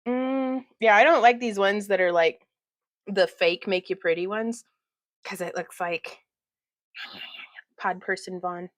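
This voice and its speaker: A woman's voice: medium pitch, takes it slowly, pauses often, dry recording, low-quality recording. A woman hosting a craft vlog at home, chatting casually and laughing often. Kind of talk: casual chat.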